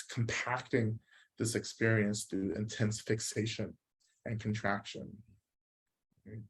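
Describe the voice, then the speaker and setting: A man leads a dharma talk at a middle pitch. He explains patiently and reflectively, and he keeps asking his listeners "right?" as he goes. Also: darkish tone, slightly rough. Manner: reflective, explanatory, frequent "right?" check-ins. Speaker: Buddhist teacher. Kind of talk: dharma talk answering questions.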